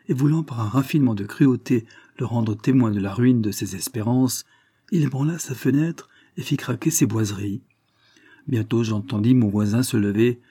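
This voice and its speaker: Husky, mellow male storyteller. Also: medium pitch, no room sound, clean studio sound. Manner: measured, even first-person reading. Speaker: audiobook narrator. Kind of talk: scripted storybook narration.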